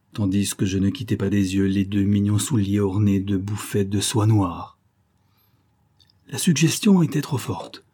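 Guy narrating an old short story, dark husky voice, pretty low, lively with the dialogue. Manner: expressive first-person storytelling with lively quoted dialogue. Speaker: audiobook reader. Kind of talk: scripted literary narration.

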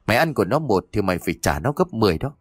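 A man's voice: fairly low pitch, sing-song, slightly rough, no room sound, studio quality. A man doing a raging jealous village husband. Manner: snarling, rapid accusing outbursts.

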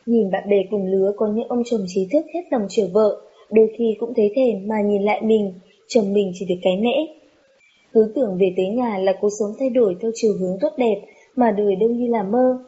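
Mellow-toned woman telling a sad story. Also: medium pitch, steady tone, fairly quick. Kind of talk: narrating a true-life story. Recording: dull lo-fi recording.

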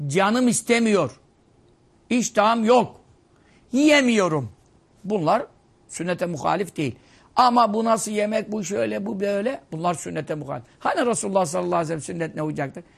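A man's voice: high voice, creaky. A male preacher giving a conversational sermon, humorous and scolding, telling stories.

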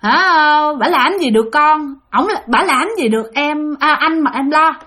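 A woman's voice: high voice, measured pace, pushed and bright. A woman with a Southern Vietnamese accent voicing a bold, hot-tempered young man, talking bluntly and defiantly.

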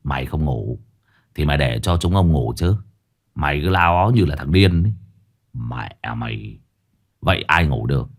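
A man's voice: a bass voice, animated, moderate pace, pauses often, voice pushed down, full character voice. A man voicing a crude, irritable young deckhand who curses coarsely. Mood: angry cursing. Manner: coarse, cursing.

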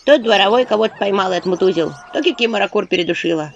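A woman's voice: medium pitch, quick pace, close to an everyday voice. A woman voicing a group of weary little imps who talk in a sighing, folksy way. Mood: resigned. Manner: sighing, matter-of-fact, folksy. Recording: dull audio with faint noise.

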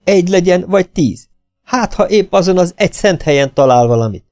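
A man voicing an anxious young woman in an audiobook, speaking in a higher, pressing and agitated voice. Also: expressive, dark tone, no room sound, studio quality, soft background music, close to an everyday voice.

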